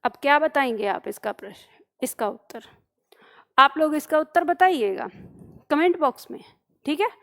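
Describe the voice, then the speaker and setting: A woman teaches grammar for competitive exams. Her voice sits high. She explains patiently, builds each point from small examples and keeps checking her students understand. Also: expressive, moderate pace, gravelly, pauses often. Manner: addresses students as "बालक", asks questions and checks understanding; explains with worked examples, repeating key phrases. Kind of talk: exam-prep grammar lesson.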